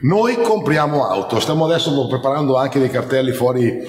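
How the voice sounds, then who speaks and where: A middle-aged man giving an informal, talkative infomercial sales pitch as a car salesman, repeating points for emphasis. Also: expressive, fairly quick. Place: large indoor car showroom. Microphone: phone camera a few steps away. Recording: echoey hall, background noise.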